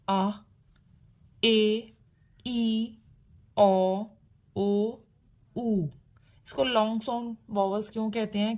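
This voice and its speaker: Woman teacher, patient and step-by-step, mid-pitched voice, explains a lesson. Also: darkish tone. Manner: patient, explains in plain Hindi with English terms mixed in. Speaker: shorthand teacher.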